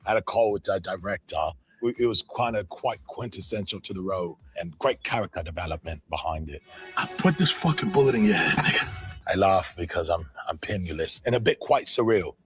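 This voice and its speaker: A cheeky, self-important British film star in a comedy skit, as a man puts him on, speaking with a Manchester accent. His voice sits fairly low but swings widely up and down. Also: animated, a little fast. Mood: smug. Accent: put-on British, from Manchester. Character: pompous male British actor in a parody skit.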